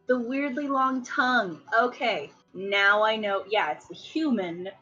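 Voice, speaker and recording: A woman's voice: a little high, unhurried, bright, forceful tone, lo-fi sound, faint music behind. A young adult woman chatting and exclaiming as a player in a tabletop game. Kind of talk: casual tabletop game chat.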